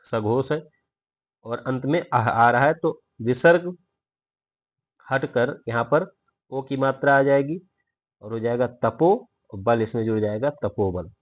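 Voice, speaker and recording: A man giving a grammar lesson at an unhurried, deliberate pace. He works through each rule methodically, asks questions and then answers them, and stretches out example words to demonstrate their pronunciation. His voice sits at an ordinary middle pitch. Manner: slow, explains step by step and asks himself questions. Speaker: Hindi grammar teacher. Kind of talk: recorded video lesson.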